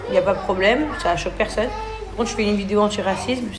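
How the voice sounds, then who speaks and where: A woman's voice: mid-range voice, quick pace. A woman recording a rambling, indignant phone video at a doctor's office, full of hesitations. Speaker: social media personality. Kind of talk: selfie video message. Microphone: phone camera. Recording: loud background noise.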